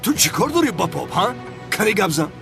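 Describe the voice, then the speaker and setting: A pleading, arguing friend. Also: male voice, high-pitched, big pitch swings, gravelly, music in the background, exaggerated voice. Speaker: dubbed film character.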